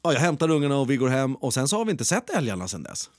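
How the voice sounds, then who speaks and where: A man's voice: medium pitch, big pitch swings, no echo. A man in his forties tells a long story in a loose, rambling way and swears freely. His voice sits in the middle range and is recorded very dry and close. The talk is easygoing podcast chat. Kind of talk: casual chat.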